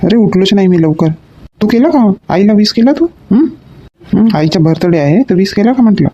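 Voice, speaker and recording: A man's voice: sits high, lively intonation, moderate pace, dark tone. A man playing an eager pleading son. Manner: pleading, repeats words. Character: grown sons at home, eager and scheming. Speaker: son in a family sketch. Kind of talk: comedy sketch acting. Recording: dull lo-fi recording with faint noise.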